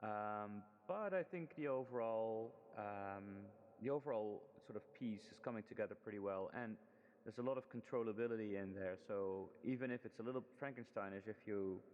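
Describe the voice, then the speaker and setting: A fairly low-voiced man talks through a screen demo in a relaxed, halting way, trailing ums and restarting his sentences. Heavy reverb washes over every word, as though he were speaking in a large hall, and the sound is dull and lo-fi. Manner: hesitant, many ums and restarts. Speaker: student presenting a final project. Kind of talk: casual screen demo walkthrough.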